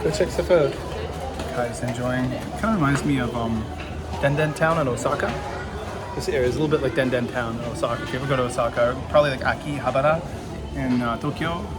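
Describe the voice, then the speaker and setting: Man vlogging over loud music. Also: mid-range voice. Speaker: vlog host. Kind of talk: casual walking travel commentary. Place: busy city streets and shopping malls. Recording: loud music, outdoor city and traffic noise. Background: music, street and vehicle sounds.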